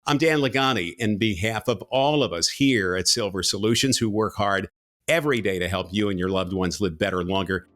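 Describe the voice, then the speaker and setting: A man's voice: lowish voice, a little fast, a bit bright. Polished, upbeat man hosting a podcast. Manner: upbeat, polished sign-off delivery. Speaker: podcast host.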